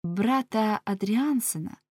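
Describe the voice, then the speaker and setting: A woman's voice: mid-range voice, slow, breathy edge, dry recording, studio quality, pitched above the performer's own voice. A woman playing a pleading, tender wife. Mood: calm. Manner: soft, pleading, earnest. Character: repentant, tender wife, once a beauty.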